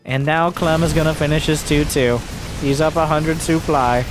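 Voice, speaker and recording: A man's voice: fairly high pitch, steady tone, normal speed. A man giving live play-by-play commentary on a video game match, exclaiming animatedly as play turns. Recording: music behind the voice. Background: music.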